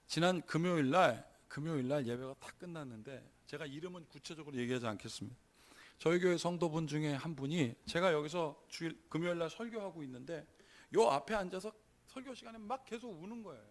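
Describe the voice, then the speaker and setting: A man's voice: on the high side, fairly quick. A male pastor preaching a sermon in a church, telling stories earnestly and growing emphatic. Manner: earnest storytelling that turns emphatic. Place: church sanctuary.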